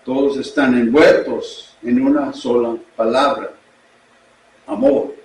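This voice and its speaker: Male pastor with an English accent, preaching slowly in his second language; recorded in a roomy space from a distance. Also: mid-range voice, steady tone, darkish tone, slight background noise. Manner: slow, deliberate preaching in a learned second language. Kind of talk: sermon. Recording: echoey room, distant mic.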